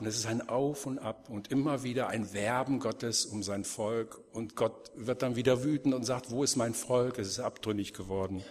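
A man preaching a sermon, telling the story in a lively way and acting out the voices of the people. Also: medium pitch, breathy edge. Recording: long hall reverb.

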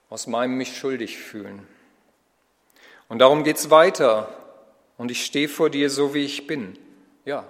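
A man's voice: medium pitch, big-room sound. A man preaching a reflective sermon in a personal tone, with rhetorical questions.

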